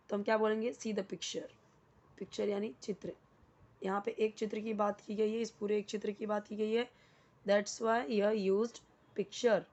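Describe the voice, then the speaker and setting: A woman teacher walks slowly through each word, repeating it and giving its meaning. She answers her own questions as she goes. The audio is a little dull and lo-fi. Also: mid-range voice, darkish tone. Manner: mixes Hindi and English, asks and answers her own questions. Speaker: English teacher. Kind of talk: explaining English words in Hindi.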